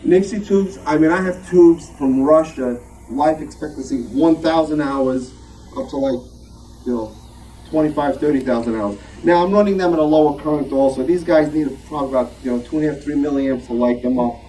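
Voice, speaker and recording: At a club show and tell, a man talks informally, rambling and poking fun at himself in a conversational way. His voice is on the high side, a little fast and warm. A distant mic picks him up in a noisy club meeting room.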